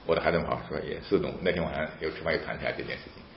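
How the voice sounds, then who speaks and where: A fast-talking man with a deep, gravelly voice tells a story casually, animated and re-enacting dialogue with emphatic outbursts. The recording sounds roomy, dull and lo-fi with faint hiss.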